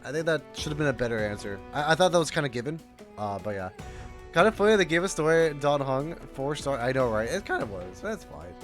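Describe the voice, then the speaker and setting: With game music in the background, a man livestreams a game in a fairly high, animated voice, talking fairly quickly. He reacts offhandedly and reads text aloud, often interrupting his own sentences.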